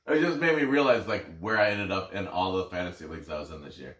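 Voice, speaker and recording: Low-voiced man rambling in echoey room. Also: fast, a bit bright. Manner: rambling, sweary, self-deprecating. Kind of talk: casual sports banter. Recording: echoey room, distant from mic.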